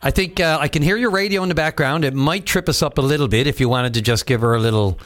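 A man hosts a call-in show in a smooth, unhurried radio manner. He keeps things easygoing and loose, with plenty of "uh" and "you know" as he talks with callers from the studio. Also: on the high side, fairly bright tone. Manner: easygoing, with frequent fillers. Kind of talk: smooth radio talk host.

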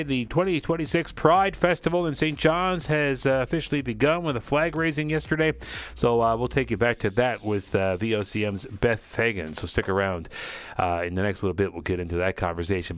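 A man hosting a morning radio show in an informal, conversational way. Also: mid-range voice.

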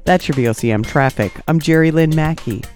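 Brief: male radio traffic reporter, conversational and informal, slightly high voice, light music bed. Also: fairly quick, darkish tone. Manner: chatty, informal.

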